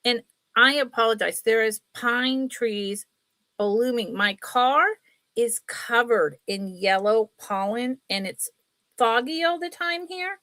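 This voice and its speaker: A middle-aged woman hosts a live sale, chatting casually and ramblingly with apologetic asides, her nose sniffly and congested. Her voice is a little high and a bit bright, and she speaks at a slow pace. There's no echo in the recording.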